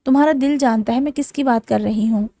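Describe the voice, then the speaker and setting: A woman's voice: fairly high pitch, warm tone, dry recording, natural voice. A woman voicing an eerie taunting forest apparition. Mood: menacing taunt. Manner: mocking, menacing.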